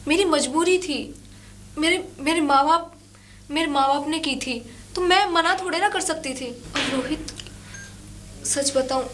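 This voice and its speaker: A woman's voice: sits high, measured pace, pauses often, fairly bright tone, a little hiss or hum. A woman playing a young married woman who pleads with and defends herself to a former lover. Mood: tender. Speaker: actor. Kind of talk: low-budget crime drama acting.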